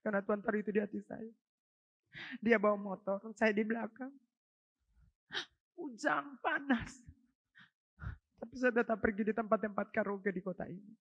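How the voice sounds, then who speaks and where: A woman's voice: medium pitch, normal speed, long pauses, no room sound, muffled recording. Fervent woman pastor preaching. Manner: fervent, emotional, keeps addressing the congregation. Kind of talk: Pentecostal sermon testimony. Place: church service.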